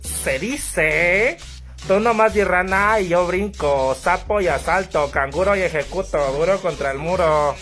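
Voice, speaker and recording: A woman voicing a loud, crude working-class girl from the barrio, with a brassy, slangy delivery. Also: fairly low pitch, a little slow, faint music behind. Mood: brash, rowdy. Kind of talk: comedy sketch.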